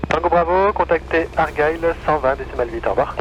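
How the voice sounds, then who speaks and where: A man's voice: a little high, a little fast, soft background music. Male air traffic controller over the radio. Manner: clipped, formal and routine. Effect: heard over an aircraft radio. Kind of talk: radio phraseology. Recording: muffled radio with loud noise.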